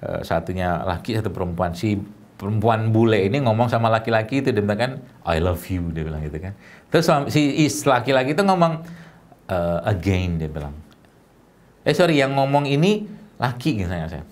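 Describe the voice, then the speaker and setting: A middle-aged male preacher, talking to his congregation in a casual, chatty sermon. His pitch swings widely, rising high on his questions and dropping low and soft on his tender asides. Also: fairly quick. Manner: conversational, animated, with rhetorical questions.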